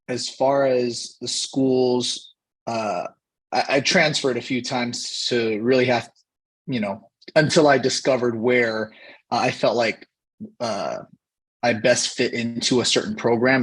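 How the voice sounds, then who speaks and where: A man in his thirties from Hawaii, a cheer coach, talking casually in an interview and pausing often to find his words. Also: mid-range voice, breathy edge, rough recording. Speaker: cheer coach, podcast guest.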